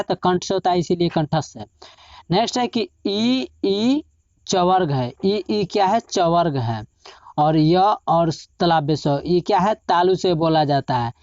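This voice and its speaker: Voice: medium pitch, a little mellow, no room sound. A teacher giving a grammar lesson for exam students, repeating each point and asking questions before answering them, sometimes stretching out sounds to demonstrate. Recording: dull lo-fi dry recording.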